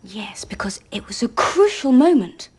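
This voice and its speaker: A woman's voice: on the high side, sing-song, moderate pace, darkish tone, breathy edge, full character voice. An actress playing a wry woman who was once in analysis, speaking drily and teasingly, often dropping to a near whisper. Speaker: woman recalling her analysis. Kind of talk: film dialogue.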